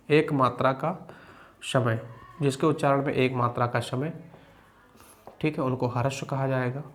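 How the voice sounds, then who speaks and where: A young male teacher giving an exam-prep grammar lesson, repeating key phrases, checking in with listeners, and reciting rules slowly. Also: mid-range voice. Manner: recites Sanskrit sutras slowly.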